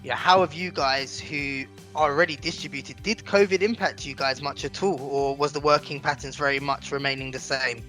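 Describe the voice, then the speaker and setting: A man's voice: mid-range voice, fairly even intonation, a little fast, hardly any pauses, sharp tone, faint music behind. A man hosting a casual work discussion, summarizing answers and asking follow-up questions. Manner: friendly, summarizing, asks questions. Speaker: host. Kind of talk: casual interview moderation.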